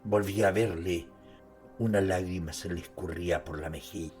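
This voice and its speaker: Over background music, a narrator with a low, darkish voice presents an author's life and works at normal speed and with fairly even intonation. His literary narration is dramatized, addressed straight to the listener, and sprinkled with conversational asides.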